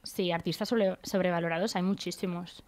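A woman's voice: lowish voice, fairly even intonation, fairly quick, a little mellow. A young woman co-hosting a podcast in a radio studio, chatting casually with playful, teasing banter. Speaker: podcast co-host. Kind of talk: casual chat.

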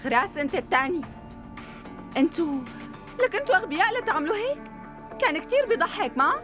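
A woman dubbing a furious teenage schoolgirl who yells insults in a TV drama. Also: extremely high pitch, very animated, quick pace, music in the background. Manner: shrieking insults, yelling. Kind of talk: dubbed TV drama.

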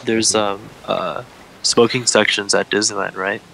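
A man's voice: on the low side, little pitch movement, unhurried, creaky, noisy background. A man casually telling friends a rambling, profane story, with many restarts.

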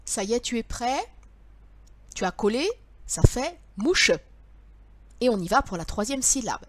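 A woman's voice: on the high side, expressive, normal speed, no echo. A woman teacher leading young children through word riddles, patient and sing-song, speaking straight to the child.

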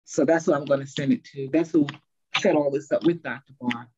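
A woman's voice: low voice, brisk, darkish tone, dull audio, a little hiss or hum. A woman who works in children's ministry, politely thanking a presenter on a video call.

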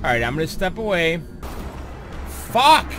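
A man narrates his own play session for viewers, his voice sitting high and leaping around in pitch. He takes his time between lines, then breaks into swearing and shouting at the game. A faint hum of noise sits under the let's play commentary. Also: very animated, unhurried. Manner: frequent swearing outbursts, yelling at the game; talks to viewers as "guys". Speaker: gamer streamer.

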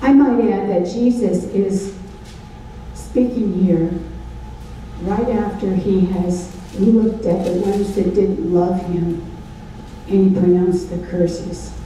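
This is an older woman preaching a Bible study from a lectern, handheld mic in hand, on a large dark stage; she is emphatic and poses call-and-response questions to the crowd. Her medium-pitched voice is mellow and steady, delivered slowly. The echoey hall recording is distant, with faint ambience and some hiss or hum.

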